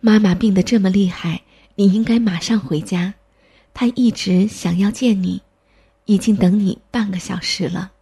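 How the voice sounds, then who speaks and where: A woman's voice: mid-range voice, steady tone, moderate pace, creaky, warm tone, breathy edge. A woman voicing a worried, grave father in a storybook reading, speaking firmly and with urgency. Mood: urgent.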